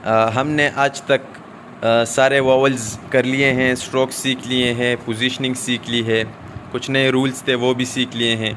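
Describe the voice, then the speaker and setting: A man teaching a recorded shorthand lesson, explaining step by step with drawn-out "aa" fillers and frequent checks like "okay?". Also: medium pitch, little pitch movement, a bit bright, a little hiss or hum.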